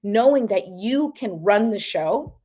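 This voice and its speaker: A woman's voice: mid-range voice, lively intonation, slow pace, warm tone. Encouraging woman hosting a motivational show, chatty and casual, keeps saying right?. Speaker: motivational host.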